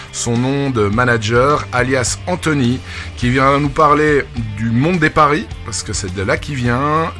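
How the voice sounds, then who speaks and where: A man's voice: medium pitch, bright, forceful tone. Upbeat male podcast host, faint music. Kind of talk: casual podcast interview.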